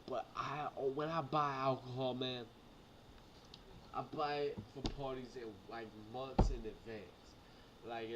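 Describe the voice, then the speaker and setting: Drunk, rowdy party-animal guy over background noise. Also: mid-range voice. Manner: loose, repetitive slangy talk with stumbles and swearing. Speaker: vlogger. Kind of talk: rambling casual storytelling to camera. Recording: noisy amateur recording with clicks.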